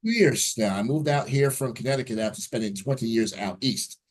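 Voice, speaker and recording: Over a video call, a radio news anchor in his forties from New Jersey shares his story as an interview guest. He talks fairly quickly in a medium-pitched voice, staying upbeat and fluent.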